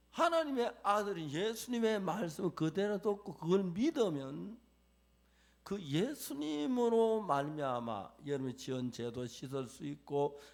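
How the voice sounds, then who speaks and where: A man preaching a chapel sermon, acting out quoted dialogue with animated delivery. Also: sits high.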